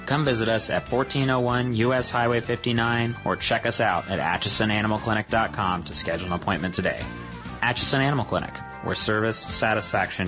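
A man's voice: on the low side, phone-quality sound. A man who is a veterinarian voicing an upbeat radio commercial, taped off the radio. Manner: upbeat, promotional. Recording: thin radio audio over music.

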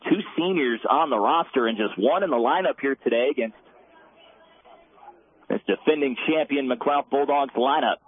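A man giving brisk, stat-heavy play-by-play of a softball game, heard as a loud, dense radio broadcast. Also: mid-range voice. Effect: loud dense radio broadcast sound. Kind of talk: live softball commentary. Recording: narrow tinny radio band, faint hiss.

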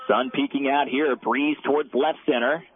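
A man giving brisk, stat-heavy play-by-play of a softball game, heard as a loud, dense radio broadcast. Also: medium pitch, steady tone. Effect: loud dense radio broadcast sound. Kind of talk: live softball commentary. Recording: narrow tinny radio band, faint hiss.

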